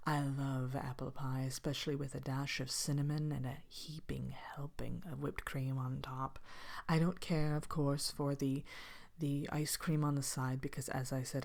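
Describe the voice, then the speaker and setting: With a rumbling low voice, a woman hosting a character Q&A show takes on the role of a vain, haughty evil fairy-tale queen for ASMR, speaking softly and sometimes whispering. She sounds self-satisfied, pompous, and languidly disdainful, drawing out her words theatrically.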